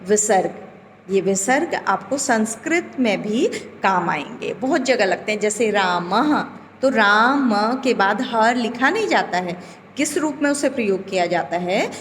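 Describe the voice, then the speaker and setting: A woman teacher talks to schoolchildren at a very slow, patient pace, stretching out sounds and stopping to quiz the class. Her voice rings with a long reverb, and a faint background hiss sits beneath it. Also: a little high, expressive. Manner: slow, deliberate, drawing out vowels and asking questions to the children. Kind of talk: recorded online class lesson. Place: home.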